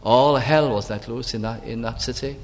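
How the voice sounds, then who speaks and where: A man preaching a sermon, telling a personal story slowly and deliberately. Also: mid-range voice, creaky. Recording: long hall reverb.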